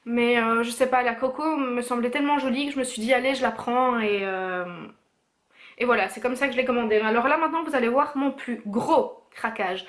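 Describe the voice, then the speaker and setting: A young woman showing her makeup purchases in a casual haul video, chatty, with many fillers and self-corrections. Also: fairly high pitch. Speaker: beauty vlogger.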